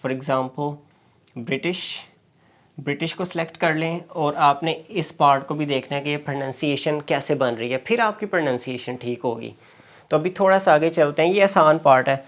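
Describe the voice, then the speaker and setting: Man drilling sounds in a lecture. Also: on the high side. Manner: repeats single sounds slowly and mixes Urdu with English. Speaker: English pronunciation teacher.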